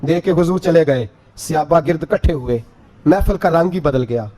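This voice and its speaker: A man delivering an emotional sermon, his voice sitting high for a male speaker. He swings from soft storytelling to fervent peaks. Now and then he slides into melodic sung couplets. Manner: impassioned, rising and falling delivery that breaks into sung verse. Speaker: preacher.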